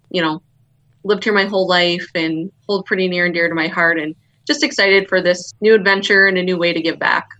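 A woman's voice: medium pitch, pushed and bright, highs cut off. A woman from South Dakota with a South Dakota accent, a nurse anesthetist guest answering interview questions modestly.

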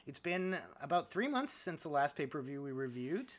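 A man's voice: a little high, very animated, moderate pace. A man hosting a podcast, talking in a casual, bantering way as he reviews wrestling. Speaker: podcast host.

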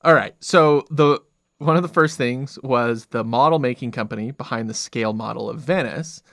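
A man's voice: mid-range voice, normal speed, vocal fry, fairly bright tone, dry recording, clean studio sound. A man hosting a casual podcast, joking and laughing often as he tells the story. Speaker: podcast host.

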